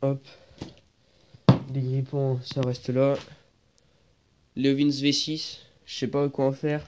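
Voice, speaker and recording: A teenage boy with a cold speaks slowly and flatly at a medium pitch, hesitating and searching for words. He films his moped work on a phone for a casual workshop vlog, switching from handheld to propped. The recording has dull, noisy, lo-fi phone sound.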